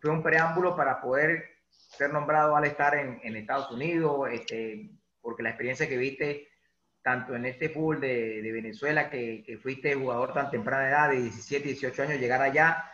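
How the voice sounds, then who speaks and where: A man's voice: mid-range voice, fairly even intonation, moderate pace, pushed and bright. A man hosting an interview, asking long, rambling questions full of fillers. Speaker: host, interviewer. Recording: echoey dull lo-fi room.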